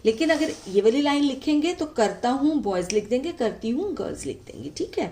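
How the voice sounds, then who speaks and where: A woman's voice: high-pitched, big pitch swings, fairly quick, darkish tone, a little hiss or hum. A woman teacher patiently explaining a letter format step by step, often checking in with the listener. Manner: patient, frequent "ठीक है" check-ins.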